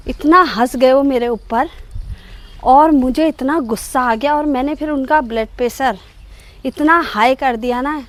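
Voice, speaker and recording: A middle-aged woman telling a comic personal story to her viewers in an animated, self-mocking way. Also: sits high. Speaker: vlogger.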